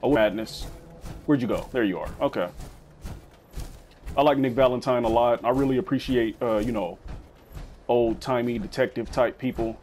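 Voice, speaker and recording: A man's voice: medium pitch, normal speed, pauses often, a little mellow, faint music behind. A young man hosting a casual gaming video, rambling and slangy, calling everyone bro. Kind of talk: casual let's-play commentary.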